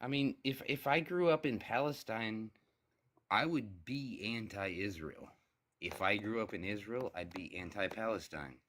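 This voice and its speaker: A man's voice: lowish voice, unhurried, fairly bright tone. A man speaking as a guest in a casual live-stream debate, hesitant and often repeating his words as he goes.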